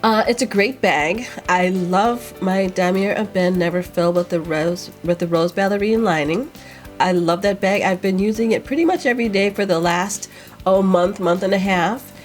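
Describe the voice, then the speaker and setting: A woman's voice: medium pitch, normal speed, faint music behind. Chatty woman vlogger with a stuffy cold. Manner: rambling, chatty, with fillers. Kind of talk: casual chat.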